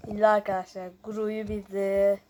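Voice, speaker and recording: Playing a guessing game for her gaming video, the host alternates quiet, often near-whispered mutterings with louder chatty comments aimed at viewers. She has a medium-pitched voice, a flat delivery and a moderate pace. Clicking and other background noise are noticeable.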